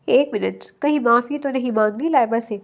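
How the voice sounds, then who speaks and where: A woman reading the lines of a hurried, curious young man in an audiobook novel. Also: a little high, creaky.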